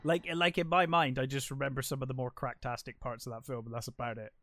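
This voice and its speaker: A man co-hosting a podcast, chatting casually about a film and acting out quotes with lively, swearing humour. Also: mid-range voice, fast talker, no room sound. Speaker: podcast co-host. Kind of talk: casual film review chat.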